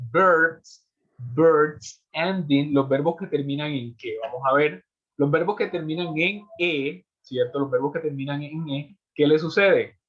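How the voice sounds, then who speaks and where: Spanish-speaking man teaching English grammar. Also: a little high. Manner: explains step by step, checks in with "¿cierto?" and "¿verdad?". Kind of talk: online class explanation. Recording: muffled lo-fi audio.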